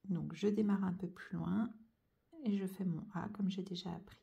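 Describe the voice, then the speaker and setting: A woman's voice: fairly low pitch, fairly even intonation, moderate pace, vocal fry, warm tone, lo-fi sound. A woman teaching young children to join cursive letters, going over each stroke and sound patiently, one step at a time. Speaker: handwriting teacher.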